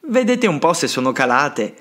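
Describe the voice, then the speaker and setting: A man's voice: a little high, sing-song, moderate pace, fairly bright tone. A man doing a good-humored priest. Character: cheerful humorous male priest.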